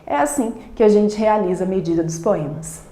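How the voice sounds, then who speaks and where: Lady teaching online, mellow voice, spells out syllables slow, echoey room. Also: medium pitch, lively intonation. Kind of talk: online lesson.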